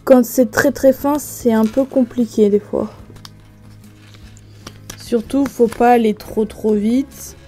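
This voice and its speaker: A woman's voice: a little high, steady tone, takes it slowly, long pauses, dark tone, soft background music. A woman from France talking through a craft tutorial at home in a casual, chatty way, with many fillers and restarts. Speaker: craft video creator.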